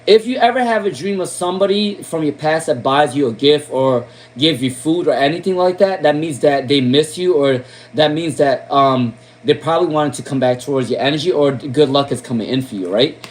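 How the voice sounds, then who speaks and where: In a slightly high voice at a fairly quick clip, a Long Island man reads tarot on a relaxed live stream. He's talkative, says "um" constantly, repeats names and questions, and tacks "okay?" or "all right?" onto his points.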